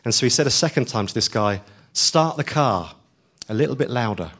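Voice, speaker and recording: Very fast and a bit bright, this man's medium-pitched, slightly rough voice delivers an earnest, emphatic sermon. He tells a story full of ums, pushing his voice up on the key lines.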